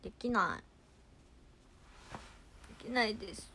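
A young woman casually chatting on a livestream, reading viewer comments with playful giggles and trying quick cartoon impressions. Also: medium pitch, bright, forceful tone, husky. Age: young adult.

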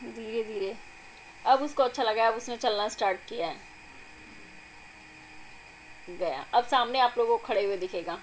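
Chatty young woman narrating, high voice. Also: moderate pace, long pauses, a little hiss or hum, poor audio. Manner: chatty, doting, excited. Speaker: vlogger, mother. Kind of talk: voice-over narration of family video. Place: recorded apart from the filmed scene.

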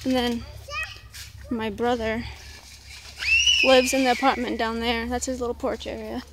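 A woman's voice: a little high, little pitch movement, measured pace. A young woman narrating a casual home vlog outdoors on a handheld phone camera. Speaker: vlogger, mother. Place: outdoors in a grassy backyard. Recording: clear outdoor background noise, handheld.

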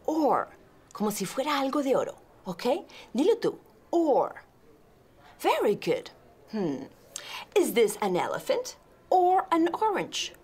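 A woman's voice: fairly high pitch, darkish tone, slightly rough. A woman presenting a TV English lesson, playfully drilling either-or questions. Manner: playful, drawn-out teaching drills. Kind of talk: bilingual TV language lesson.

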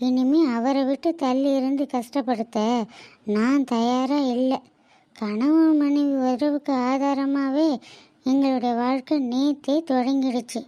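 Woman for cartoon drama: soft, feverish young wife with a high, mellow voice. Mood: reflective. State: weak with fever.

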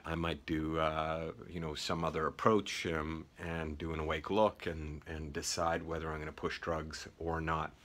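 Middle-aged male physician, very low voice, loose rambling teaching talk into a handheld phone. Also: a bit bright. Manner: rambling, many fillers and restarts. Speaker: emergency physician educator. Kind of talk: informal teaching vlog. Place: small office indoors. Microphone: phone held at arm's length.

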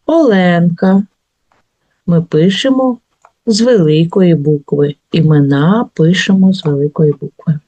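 A middle-aged woman teacher giving a workbook lesson to schoolchildren, reading out example words slowly and carefully. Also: low-pitched, dark tone, dry recording. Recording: dull, lo-fi recording.

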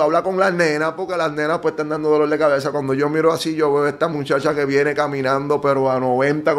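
A Puerto Rican man tells his personal story as an interview guest. He speaks earnestly in a slightly raised voice and keeps checking in with his listener through short tag questions. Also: on the high side. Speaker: guest giving testimony. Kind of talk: personal testimony in conversation.

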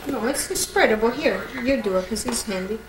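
A woman's voice: fairly high pitch, expressive, moderate pace. A woman in a home kitchen giving bossy instructions, captured by a camcorder on an old VHS home video. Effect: old VHS tape home video. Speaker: home cook directing the cake icing. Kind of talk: casual home-movie chatter. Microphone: camcorder mic. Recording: hissy old VHS tape, echoey kitchen, from far off.

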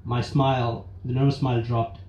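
Guy from india telling his own story live on stage, mellow voice, kinda roomy dull recording. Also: mid-range voice, level tone. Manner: earnest, reflective, with pauses and restarts.

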